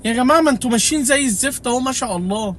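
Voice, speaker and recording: A man's voice: extremely high pitch, expressive, very fast, a bit bright, slight background noise. A young Egyptian man with an Egyptian accent, ranting comically about his fantasy football team in an exasperated, mock-pleading way. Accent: Egyptian Arabic. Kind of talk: comedic fantasy football rant.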